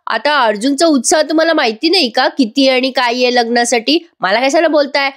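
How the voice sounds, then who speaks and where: A woman's voice: high voice, a little fast, pitched above the performer's own voice, natural voice. A woman voicing a mischievous young woman who mocks and needles others. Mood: teasing. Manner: mocking, needling.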